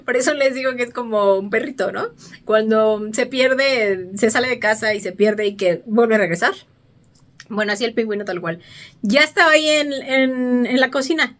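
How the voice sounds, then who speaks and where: A woman's voice: a little high, moderate pace, fairly bright tone. A woman, casually retelling a film's story to her viewers, chatty and full of fillers and restarts. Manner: chatty, acts out dialogue, frequent fillers and restarts. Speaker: vlogger.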